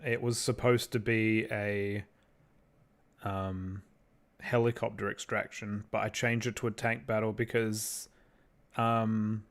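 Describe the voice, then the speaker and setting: A man's voice: fairly low pitch, little pitch movement, slow pace. Rambling Australian man on a livestream. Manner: rambling, thinks aloud, reads out chat questions. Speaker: livestreamer making visual effects. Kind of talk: casual livestream chat.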